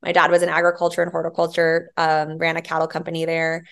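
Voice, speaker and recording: A woman in her thirties speaks as a podcast guest with a somewhat low voice. Her delivery is animated and chatty, full of fillers and quick laughs. She sounds relaxed and conversational. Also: gravelly. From Hawaii, raised later in Arizona. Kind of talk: casual conversational interview.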